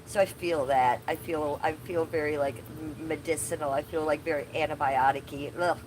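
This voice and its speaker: Chatting loosely on a livestream from her tree-shaded backyard, a woman who is a bit sick and losing her voice speaks in a lower register at normal speed with fairly even intonation. She swears casually and talks to chat viewers by name. Faint outdoor sounds and passing cars drift in behind her.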